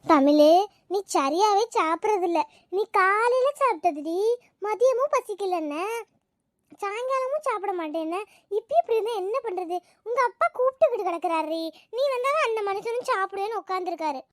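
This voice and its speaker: A woman voicing a sharp-tongued old village grandmother in a cartoon, with a scolding, grumbling manner. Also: very high-pitched, animated, moderate pace, no room sound, clean studio sound. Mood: worried. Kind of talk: cartoon voice acting.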